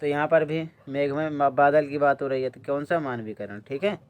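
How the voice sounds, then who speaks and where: A man teaching a Hindi lesson for exams. He quizzes his students and answers his own questions, and he clears his throat often. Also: fairly high pitch, moderate pace, no echo, lo-fi sound. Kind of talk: exam-prep lesson explaining answers.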